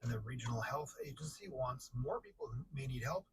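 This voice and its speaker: Male newsreader, measured delivery, tinny car radio, distant and noisy. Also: mid-range voice, animated. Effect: tinny radio playing in a car. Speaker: radio news anchor. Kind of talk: scripted news bulletin. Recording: distant radio with background noise.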